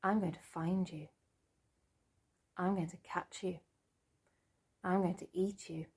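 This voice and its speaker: A woman voicing the eerie disembodied voice of a slain giant, with a slow, threatening chant. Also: on the low side, steady tone, darkish tone, husky, full character voice.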